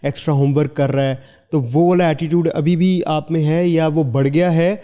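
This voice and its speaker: Male podcast host, upbeat, brisk questions, fairly high voice, reverberant room. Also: steady tone, warm tone. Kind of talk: podcast interview.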